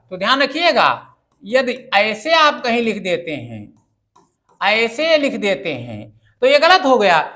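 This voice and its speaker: Slow, bright-voiced grammar teacher drilling students. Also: mid-range voice. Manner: drills by asking questions and answering them; repeats phrases for emphasis. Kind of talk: exam-prep grammar lecture.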